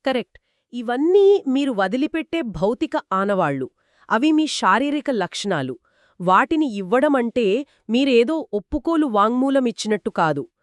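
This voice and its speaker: In a scripted two-person legal explainer, a female co-host speaks in an assured, explanatory way. Her voice is a little high with big pitch swings at a normal speed, recorded dry with studio quality.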